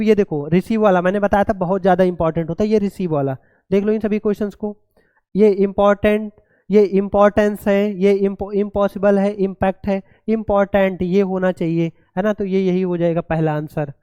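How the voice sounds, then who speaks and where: A man's voice: high voice, steady tone, moderate pace, dark tone, clear, resonant tone, no room sound. A male teacher giving an exam-prep grammar lesson, often calling his students "children" and spelling words letter by letter.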